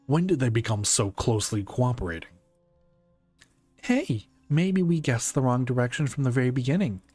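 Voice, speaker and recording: A man reading game dialogue aloud as a calm, conscientious police detective, in a serious and deliberate way. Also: mid-range voice, soft background music, lightly acted. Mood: puzzled.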